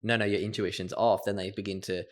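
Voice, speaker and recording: A man with a deep voice and very little rise or fall in pitch hosts a podcast. He talks in a casual, conversational interview style. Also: flat delivery, quick pace. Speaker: podcast host.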